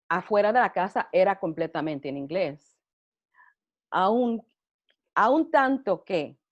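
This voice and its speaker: A middle-aged Puerto Rican woman with a Puerto Rican accent, chatting casually about her life and laughing often. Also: medium pitch. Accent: Puerto Rican Spanish. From Puerto Rico. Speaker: interviewee. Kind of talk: casual personal storytelling. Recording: dull lo-fi audio.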